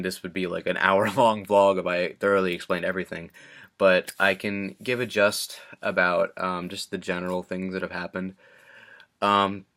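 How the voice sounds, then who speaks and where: Deep, flat-voiced teenage guy vlogging. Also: vocal fry. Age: teens. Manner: rambling, halting with many fillers and restarts. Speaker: vlogger and hip-hop artist. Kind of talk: casual monthly vlog.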